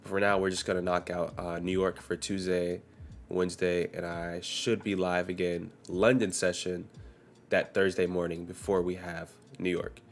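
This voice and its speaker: Speaking at a moderate pace in a low, level voice, a young man runs a live forex trading stream against slight background noise. Still recovering from a cold, he coughs occasionally and talks casually, reading the day's economic headlines aloud conversationally.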